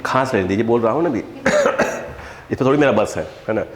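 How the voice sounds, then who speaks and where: A man's voice: medium pitch, brisk. A male physics teacher lecturing a class, constantly quizzing students and scolding them with a joking edge. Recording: echoey hall, faint background hum.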